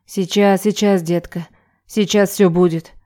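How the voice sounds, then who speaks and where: A woman reading a story voices a domineering young man who speaks in a low, breathy murmur and hoarse mutters. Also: steady tone, unhurried, dark tone, close to an everyday voice. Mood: husky insistent.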